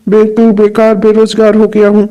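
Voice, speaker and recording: A man's voice: sits high, monotone, brisk, clear, resonant tone, dull audio, natural voice. A man voicing a worried jobless husband and father in a cartoon, who talks in an anxious, despairing way. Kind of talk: cartoon dubbing.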